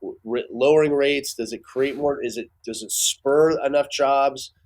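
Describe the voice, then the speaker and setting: As an interview guest, a man offers casual expert commentary, building his points haltingly and repeating words. His voice is medium-pitched with a darkish tone.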